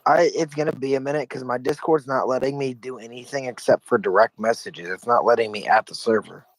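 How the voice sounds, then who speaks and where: A man's voice: medium pitch, steady tone, brisk, no room sound, low-quality recording. A man playing in a tabletop game over a voice call, laid-back and a bit hesitant. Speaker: player. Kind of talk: casual tabletop game chat. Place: online voice call.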